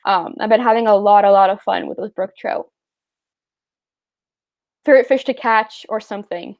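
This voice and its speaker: A young Canadian woman hosts a fishing livestream, casually reading and answering viewer questions in a chatty, rambling way full of fillers and easy laughter. Her voice is mid-range with a darkish tone, at a normal speed.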